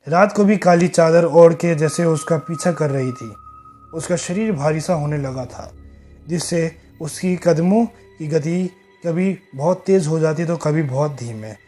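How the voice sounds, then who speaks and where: Guy telling a spooky horror story, mellow fairly high voice, faint music under it. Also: a little slow. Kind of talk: dramatic horror story narration.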